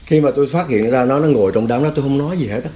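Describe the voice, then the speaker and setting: An older man, recounting a personal story in a measured, often quiet and subdued way. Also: medium pitch.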